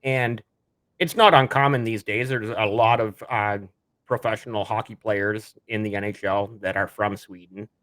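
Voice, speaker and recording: A man's voice: lowish voice, steady tone, moderate pace, a bit bright. A Canadian man hosting a podcast, asking eager, rambling questions of his guest. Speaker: podcast host. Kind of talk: podcast interview.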